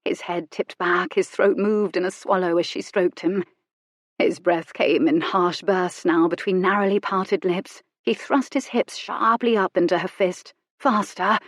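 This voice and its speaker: A woman narrating a romance novel in an intimate, measured reading. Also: on the low side, fairly even intonation, dry recording, clean studio sound. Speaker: audiobook narrator.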